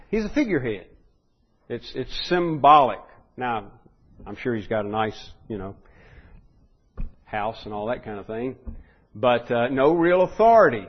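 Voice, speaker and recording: A man's voice: mid-range voice, lo-fi sound. A man preaching a sermon in an earnest way, often restarting and rising in force when he stresses a point.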